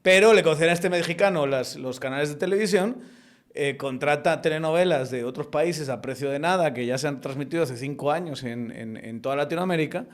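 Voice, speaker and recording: A middle-aged man from outside Guatemala hosting a casual podcast conversation, talkative and often checking in with a quick question. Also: fairly high pitch. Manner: talkative, often asks "¿verdad?".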